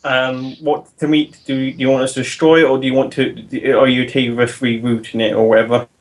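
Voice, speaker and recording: A man playing a tabletop role-play game, with dry jokes and halting, stop-start questions. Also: medium pitch, level tone, rough recording. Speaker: player.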